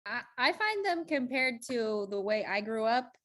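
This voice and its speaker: A woman's voice: fairly high pitch, sing-song, measured pace, fairly bright tone. A woman from the United States talking casually as an interview guest, chatty and laughing as she talks.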